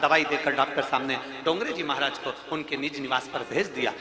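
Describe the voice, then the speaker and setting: A man telling a devotional story as a religious storyteller in a live sermon. He builds repeated lines into loud, emphatic refrains. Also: mid-range voice, brisk. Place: large hall, live religious gathering. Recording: echoey hall with music behind.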